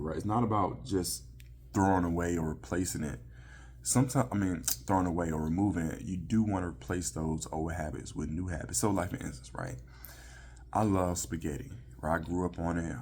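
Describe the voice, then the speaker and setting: A man's voice: low-pitched, darkish tone, a little hiss or hum. A man hosting a vlog, giving casual motivational talk in a loose, conversational way with lots of fillers. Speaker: vlog host.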